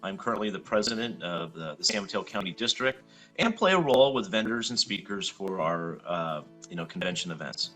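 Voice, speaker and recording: Laid-back middle-aged guy from hawaii, bright voice, rambles with lots of ums, faint music behind. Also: deep voice, lively intonation, a little fast, low-quality recording. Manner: easygoing, rambling with many fillers. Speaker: chiropractor guest. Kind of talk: casual interview chat.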